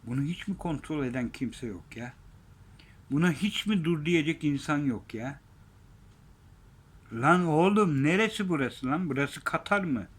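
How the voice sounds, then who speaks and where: Angry man ranting, voice sitting high. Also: expressive, unhurried, long pauses, slightly rough. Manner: heated, swinging between loud outbursts and low muttering; blunt and profane, repeats himself. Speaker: vlogger.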